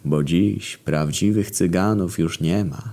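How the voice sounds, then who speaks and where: A man voicing a boisterous, weepy male Romani wedding musician, with a velvety, slightly hoarse voice, exclaiming and swearing. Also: fairly low pitch, expressive, unhurried, a little mellow, voice pushed up. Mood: suave.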